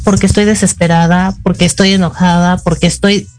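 A woman's voice: lowish voice, little pitch movement, a little fast, darkish tone, faint music behind. A middle-aged woman with a Mexican accent, a psychologist co-hosting a casual talk show and explaining with frequent "ajá" fillers. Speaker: psychologist co-host.

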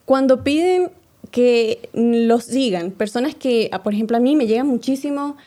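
A woman, co-hosting a casual chat in a relaxed, conversational way. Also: on the high side, normal speed. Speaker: influencer co-host.

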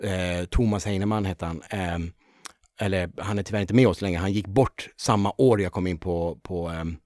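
A man, a guest actor, telling anecdotes in a casual interview, animated and full of fillers. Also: low-pitched, dry recording.

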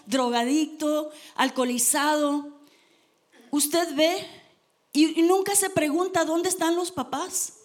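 A woman preaching a sermon to her congregation, earnest and emphatic. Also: high voice.

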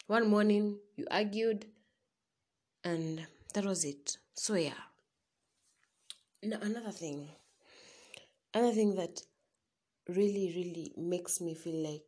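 A young woman with a Kenyan accent talks in a slightly low, husky voice. She hosts solo in a chatty, informal way, addressing listeners directly and dropping in Swahili slang. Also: darkish tone. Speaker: podcast host. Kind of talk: casual solo chat to listeners.

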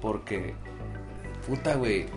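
A man's voice: lowish voice, expressive, slow pace, music in the background. A young man with a Mexican accent in casual chat, slangy, laughing often and saying "güey" constantly.

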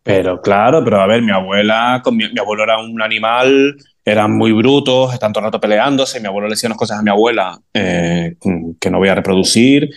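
A man's voice: lowish voice, steady tone, a little fast. A man telling stories frankly and bluntly in a casual podcast chat. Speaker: podcast co-host.

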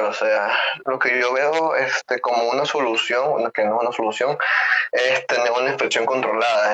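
A man's voice: medium pitch, bright, forceful tone, poor audio. A man co-hosting a casual podcast chat, opinionated and thinking aloud with restarts. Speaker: podcast co-host. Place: Ecuador.

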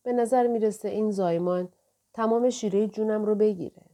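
A woman reading an audiobook voices a frightened young pregnant woman who speaks softly and tremulously. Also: medium pitch, close to an everyday voice. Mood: sad. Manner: soft, trembling, tearful.

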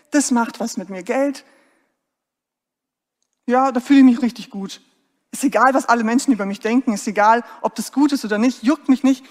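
A woman's voice: a little high, long reverb tail, lightly acted. Zacchaeus, a woman doing a brash greedy tax collector. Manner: slangy, offhand, self-justifying. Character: greedy rich male tax collector, brash and self-satisfied.

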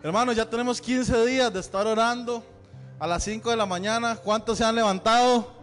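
Male pastor, Central American Spanish accent, high voice, chatty announcements, church reverb with soft music behind. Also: steady tone, fairly quick. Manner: chatty, joking with the congregation. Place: church sanctuary. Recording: long hall reverb with faint music.

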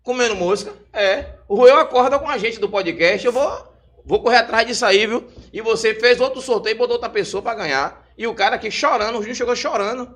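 A man's voice: extremely high pitch, fairly quick, a bit bright. A man hosting a live podcast, joking and teasing while reading out viewer comments in casual chat. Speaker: podcast host.

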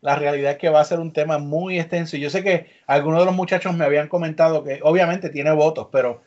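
A chatty man hosting a casual podcast, keeping the talk moving. His voice sits a bit high for a man. The audio is dull and lo-fi. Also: fairly even intonation, fast talker, a little mellow. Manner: chatty, upbeat, leading the talk. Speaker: podcast host.

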